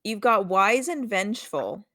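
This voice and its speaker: A woman's voice: medium pitch, lively intonation, a little slow, fairly bright tone, no room sound, clean studio sound. A woman running a role-play session in a casual chat, hesitant and repeating words as she organizes. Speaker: game master.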